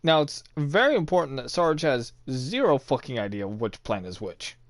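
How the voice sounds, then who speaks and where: Male host, mid-pitched, relaxed storyteller who swears freely. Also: normal speed, no echo. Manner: swears freely, laughs at his own story. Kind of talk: casual storytelling.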